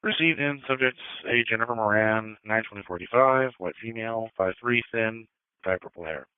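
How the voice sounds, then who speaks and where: A male dispatcher talks to units over police radio with a tinny, narrow sound. His voice is on the low side and cleanly resonant, with procedural phrasing. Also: normal speed, clean tone, dry recording. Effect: police radio transmission. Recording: phone-like narrowband scanner audio.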